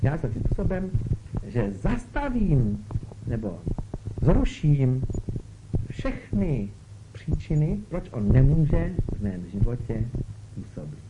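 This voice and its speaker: A man's voice: medium pitch, sing-song, long pauses. A man preaching a spiritual talk, who keeps checking in with his listeners through short questions. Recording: dull lo-fi recording with faint hiss.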